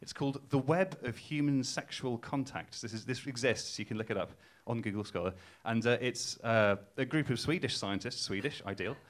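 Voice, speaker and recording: A young adult stand-up from Newcastle in England, speaking with a Geordie accent, performs live to a laughing audience. His mid-range voice moves at a moderate pace with few pauses, though his casual, self-mocking delivery stays hesitant and littered with ums.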